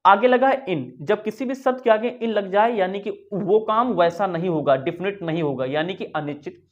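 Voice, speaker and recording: A man's voice: high voice, moderate pace, highs cut off. Chatty man teaching, asks and answers himself. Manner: chatty, keeps saying "yaar". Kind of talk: casual classroom explanation.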